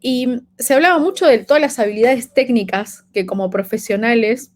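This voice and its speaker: Speaking at a conference, this Peruvian woman in her thirties has a fairly high, animated voice at a normal speed. Time in Argentina has lightened her Peruvian accent, and her delivery is hesitant, full of fillers and restarts.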